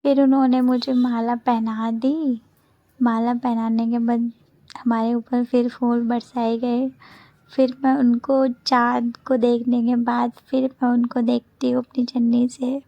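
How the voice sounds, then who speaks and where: A woman's voice: fairly high pitch, flat delivery, a little slow, no room sound, muffled recording. A woman in her twenties narrating her vlog in a chatty voice-over, telling a loose story with many restarts. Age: 20s. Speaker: vlogger.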